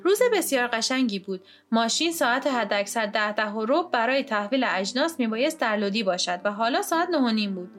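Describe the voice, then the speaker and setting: A woman narrating a short story in a measured, even audiobook reading. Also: a little high.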